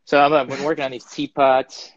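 A man's voice: medium pitch, level tone, brisk, highs cut off. A man talking casually from his pottery studio over a live video stream, rambling with lots of ums as he shows his work. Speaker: guest ceramic artist. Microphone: phone or webcam on a live video stream.

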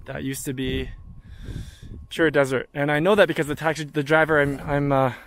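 With a fairly high, slightly bright voice, a travel vlogger keeps a steady tone and moderate pace as he rambles informally, thinking out loud and now and then swearing. He films on location outside and on a train, with noisy handheld ambience in the background.

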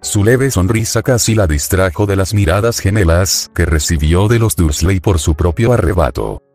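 A man narrates a fan fiction story in a steady, even, scripted way. His voice is very low and deep, and faint music plays softly under the reading. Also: moderate pace.

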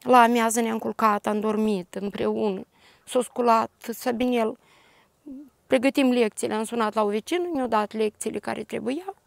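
An older woman with a Moldovan Romanian accent, a grieving grandmother giving a halting, detailed personal testimony. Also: a little high, gravelly, no echo. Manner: halting, detailed retelling with restarts.

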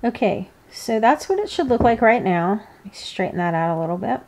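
A woman giving informal, hands-on step-by-step craft instruction, pausing between steps. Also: on the high side, animated, a little mellow. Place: indoors, seated at a work table.

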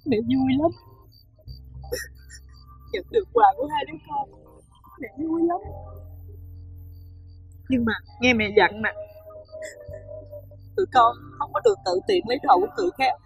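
An actress playing a gentle, loving young mother who speaks softly and reassuringly to her two boys in a TV drama. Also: high-pitched, sing-song, measured pace, creaky, long pauses, soft background music, heavily acted, low-quality recording. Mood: tender. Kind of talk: TV drama acting.

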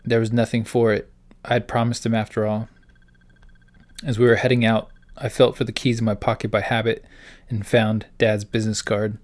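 A man's voice: lowish voice, darkish tone. Man reading game dialogue aloud. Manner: reads dialogue aloud in a plain voice between puzzled asides. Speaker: gaming channel host. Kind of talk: playthrough commentary, reading game text aloud.

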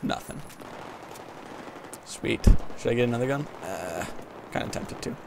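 A young American man records a playthrough, giving casual, slangy commentary and exclaiming and muttering to himself as he plays. His mid-range voice is expressive and a little slow. Video game gunfire and explosions sound behind his voice.

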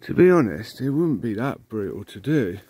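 A man's voice: mid-range voice, big pitch swings, normal speed, warm tone, husky. A man walking around an old machine outdoors, thinking aloud in a casual, rambling way with many ums and restarts, filmed on a handheld phone. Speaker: vintage combine owner filming his machine. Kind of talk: casual walk-around narration. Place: outdoors in an overgrown field beside an old combine.

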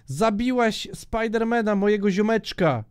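A young man giving joking, excitable commentary while he plays a multiplayer block-building minigame, often shouting at other players. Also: high-pitched, measured pace, smooth. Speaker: gaming YouTuber.

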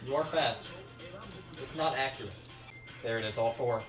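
A man in casual gaming chat, easygoing and quick to laugh. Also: medium pitch. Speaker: co-host. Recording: faint music behind.

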